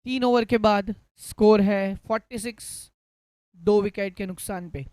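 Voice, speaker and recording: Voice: medium pitch, measured pace, darkish tone, no room sound, studio quality. A Hindi cricket commentator calling play ball by ball, mixing in English cricket terms.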